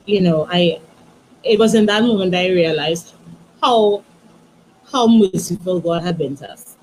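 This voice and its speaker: Soft-spoken woman telling a personal story. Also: lowish voice, a little hiss or hum, poor audio. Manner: soft, halting, many restarts and "you know". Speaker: guest, author.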